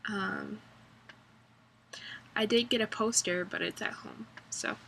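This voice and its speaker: Young woman vlogger, unhurried and low, bright sharp tone, sarcastic rambling chat. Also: steady tone, creaky, a little hiss or hum. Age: young adult. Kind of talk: casual vlog chat. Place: college dorm room.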